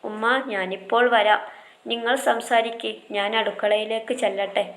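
A young bride speaks softly and emotionally. A woman storyteller reads her lines. Told as a spoken storybook. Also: mid-range voice, flat delivery, moderate pace, echoey room, natural voice. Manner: soft, emotional. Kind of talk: storytelling read-aloud.

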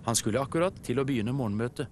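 A man from Norway narrating a children's TV story in an animated storytelling way. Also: medium pitch, slight background noise. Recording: music playing behind.

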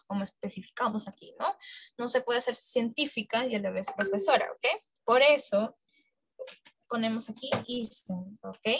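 Brief: woman, English teacher, high voice, coaxing, keeps checking in, close dry sound. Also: a bit bright, dry recording. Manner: coaxing, checks in with frequent questions. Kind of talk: online exam-prep class.

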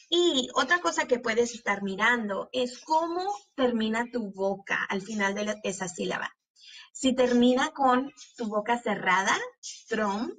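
Woman teacher sounding out syllables really slow, bright slightly breathy voice. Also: fairly high pitch. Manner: spells words letter by letter, models sounds. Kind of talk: slow, clear reading lesson for children.

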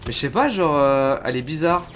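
A man streaming a game live, chatting casually and reacting loudly as he plays. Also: a little high, expressive, fairly quick, heavy background noise. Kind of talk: live gameplay commentary.

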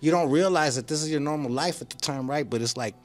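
Animated slangy man. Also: a little high, fast talker, faint music behind. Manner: animated, slangy, swears freely, acts out quoted voices. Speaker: podcast host. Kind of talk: casual storytelling chat.

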